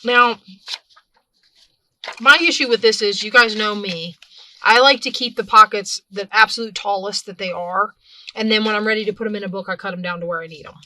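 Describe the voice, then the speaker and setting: A woman with a bright, clear voice talks viewers through a hands-on craft tutorial in a relaxed, chatty way. She narrates while her hands stay busy and often stops to rephrase or correct herself mid-sentence. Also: medium pitch, fairly quick, no room sound. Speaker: craft video host.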